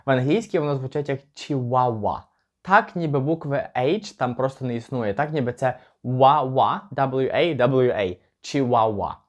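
Chatty man teaching English pronunciation. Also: medium pitch. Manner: chatty, slows down to spell out words. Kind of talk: casual pronunciation lesson.

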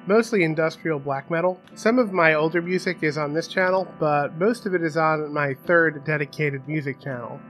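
A man's voice: a little high, fairly bright tone. A man hosting a casual educational video, talking as a paleontologist in a chatty, explanatory way. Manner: chatty, explanatory, asks rhetorical questions. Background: faint funky background music.

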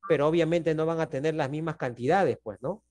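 A man's voice: on the high side, brisk, a little mellow, slight background noise. Patient man teaching math on a call. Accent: Peruvian Spanish. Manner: patient, checks in often with "¿no?" and "¿está bien?". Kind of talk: online class explanation.

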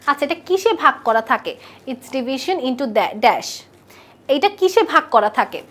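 High-voiced woman teaching live. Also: very animated, fairly bright tone. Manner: questions students and repeats answers; reads English test sentences slowly. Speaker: English teacher. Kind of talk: live online lesson.

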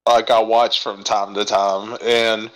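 A man's voice: fairly low pitch, level tone, slow pace, fairly bright tone, low-quality recording. A man in casual podcast chat, rambling and swearing freely. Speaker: podcast co-host.

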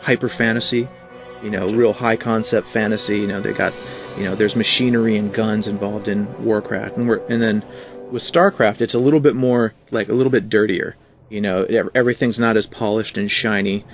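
A man being interviewed as a guest, telling stories in a rambling, animated way with lots of fillers. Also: lowish voice, fairly quick, faint music behind. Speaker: guest, art director. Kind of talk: casual interview.

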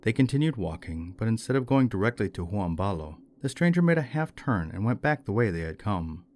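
A man narrating a folktale in a measured, steady reading. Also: fairly low pitch, slight background noise. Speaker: storyteller. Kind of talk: scripted folklore narration.

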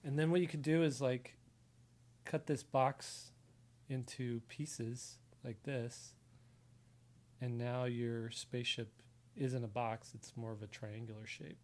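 Streaming live from his desk in an indoor room, an American drawing instructor and artist sketches while explaining a casual tutorial one step at a time. His slow, steady voice is medium in pitch and darkish in tone, audible only in the left ear.

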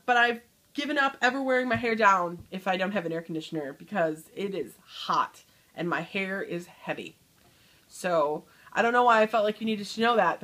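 A woman in her thirties from Michigan, a book vlogger, chats casually to the camera in a small room at home. Her voice is fairly high and a bit bright. She sounds upbeat and chatty, letting her thoughts trail off at the ends.

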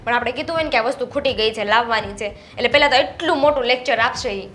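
A woman playing a bright, fast-talking complaining wife. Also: on the high side, soft background music, lightly acted. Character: complaining young wife venting about her mother-in-law.

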